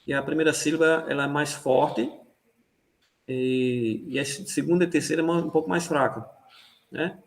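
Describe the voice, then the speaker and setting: A man's voice: on the high side, moderate pace, gravelly. Hesitant man teaching a music class. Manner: hesitant, many fillers and "né?" checks. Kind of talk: online class review. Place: online class.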